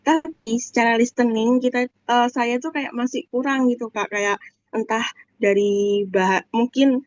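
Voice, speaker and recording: A woman's voice: a little high, steady tone, a little slow, a little mellow, no echo. A young female student asking a hesitant question over a video call, with many fillers. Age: young adult. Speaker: student participant. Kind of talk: casual question. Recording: dull lo-fi call audio.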